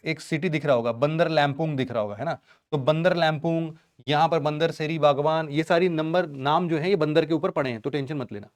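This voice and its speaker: A man teaching a geography lesson in Hindi, casually quizzing his students with rhetorical questions and jokes. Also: fairly high pitch. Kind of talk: online exam-prep lecture.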